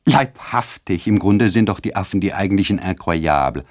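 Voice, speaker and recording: A man voicing a spoiled, capricious young noblewoman who talks in a shrill, imperious and gushing way. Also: lively intonation, normal speed, no echo, studio quality. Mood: mocking.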